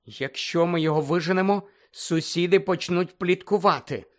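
A man voicing a sharp, nervous middle-aged aunt who talks briskly and tartly in an audiobook. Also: high voice, lightly acted. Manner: brisk and sharp, at times trembling. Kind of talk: audiobook character voice.

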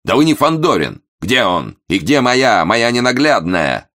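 A man's voice: medium pitch, very animated, measured pace, fairly bright tone, pitched above the performer's own voice. A man voicing a swindler who plays a jealous husband, wailing and melodramatic.

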